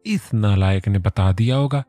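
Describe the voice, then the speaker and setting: A man's voice: on the low side, normal speed, dark tone, dry recording, faint music behind, lightly acted. A man voicing a scolding but affectionate middle-aged mother in a storybook reading.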